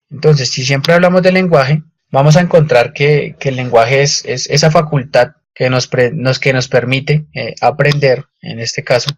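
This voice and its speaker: Colombian male teacher, mid pitch, dry close sound, steady slide-by-slide explanation with restarts and fillers. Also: no room sound. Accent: Colombian Spanish. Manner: explanatory, repeats words, frequent fillers. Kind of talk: online lecture with slides.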